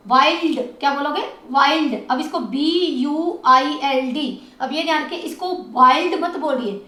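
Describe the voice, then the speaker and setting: Slow high-voiced woman teaching pronunciation. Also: a bit bright, roomy sound. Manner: spells words letter by letter, repeats each word and quizzes the listener. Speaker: English teacher. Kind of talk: slow word-by-word pronunciation lesson.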